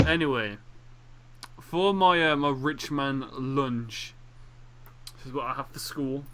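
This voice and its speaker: A man's voice: mid-range voice, takes it slowly, a crowd in the background. A young man hosting a podcast, brash and teasing, swearing freely in casual chat. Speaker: podcast host.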